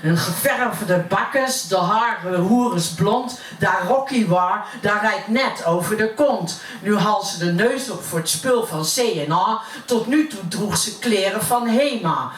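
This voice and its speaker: A woman's voice: medium pitch, animated, slow pace, few pauses. A woman reciting dialect poetry as a brash, cheeky working-class woman with a broad Utrecht Dutch accent. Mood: gossipy, indignant. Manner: earthy, colloquial, cheeky. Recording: roomy, distant mic, faint noise.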